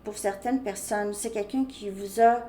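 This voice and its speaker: A woman's voice: mid-range voice, steady tone, measured pace, mellow. A woman giving a casual tarot card reading, chatty and thinking aloud with lots of fillers. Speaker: tarot reader. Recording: echoey room, faint background noise.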